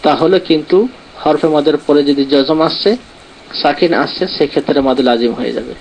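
A man's voice: a little high, brisk, a little mellow, a little hiss or hum, poor audio. A man teaching an online lesson, patiently explaining step by step and reading from a textbook. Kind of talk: online lesson on Arabic letters and pronunciation.

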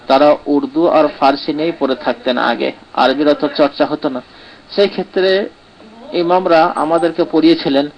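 A man's voice: fairly high pitch, poor audio. A man teaching Quran pronunciation in a live lesson, explaining step by step and often checking in with "right?". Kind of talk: live online lesson answering comments.

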